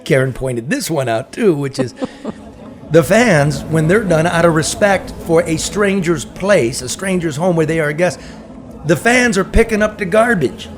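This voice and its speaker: Halting middle-aged man hosting a chat. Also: a little high, animated, slight background noise. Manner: halting, restarts and laughs often. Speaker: host. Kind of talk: casual talk show chat.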